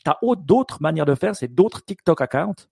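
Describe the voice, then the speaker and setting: A man's voice: a little high, animated, normal speed, vocal fry, a little mellow, husky, no room sound. A man co-hosting a podcast in casual chat, thinking aloud with many restarts and fillers. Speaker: podcast co-host.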